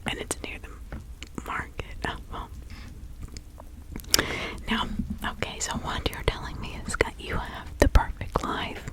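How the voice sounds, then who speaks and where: In an ASMR roleplay, a woman plays an older village witch from the 1650s, speaking in a breathy whisper at a slow, halting pace that stays close to an everyday voice. She is soothing, chatty and sympathetic, confiding in and advising a visitor as if sharing secrets. The recording is low quality.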